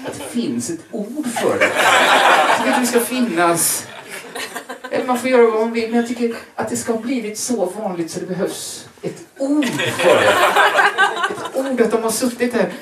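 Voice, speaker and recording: A man's voice: extremely high pitch, animated. A man doing a stand-up routine, ranting with exaggerated indignation. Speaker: stand-up comedian. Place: bar stage. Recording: echoey, distant live recording with loud noise.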